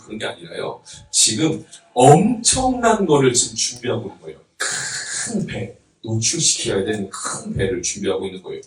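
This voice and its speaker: A man in his thirties delivers a sermon in a warm, conversational way, laughing along with his congregation. His voice sits a touch high and rises and falls freely. It comes from some distance in a roomy, echoing church hall. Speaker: pastor. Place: church sanctuary.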